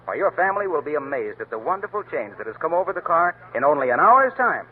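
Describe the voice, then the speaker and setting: On a tinny, hissy lo-fi recording of an old broadcast, a fast-talking man introduces a 1930s radio program and pitches its sponsor's product in an emphatic sales style. His voice runs on the high side, with big swings in pitch.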